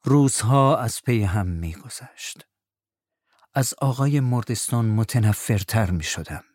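A man reading a storybook aloud in a calm, even first-person telling. His voice sits low and steady. The recording is close and dry, with no room sound. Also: husky, dry recording. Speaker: narrator. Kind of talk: scripted storybook narration.

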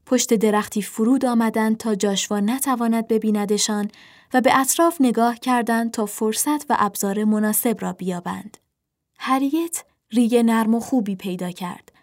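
A woman narrating a children's animal story in a soft, measured reading voice. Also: mid-range voice.

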